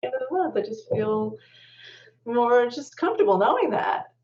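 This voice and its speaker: A woman's voice: a little high, normal speed. A woman marriage therapist in an interview, explaining ideas and telling stories that she acts out with quoted voices. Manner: animated storyteller, acts out quoted speech. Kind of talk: conversational interview. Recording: muffled lo-fi sound.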